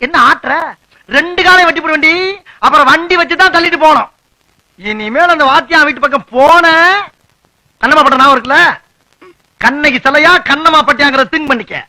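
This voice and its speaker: A man doing comic film dialogue, whining and bantering in quick comic exchanges. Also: pushed and bright, heavily acted, rough recording. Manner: high-pitched whiny comic banter. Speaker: comic actor in film scenes.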